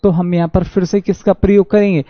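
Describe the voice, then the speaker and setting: A man with a Haryanvi accent teaching an online exam-prep English class, reading sentences slowly and answering his own questions. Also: high-pitched, little pitch movement, no echo. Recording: dull dry lo-fi audio.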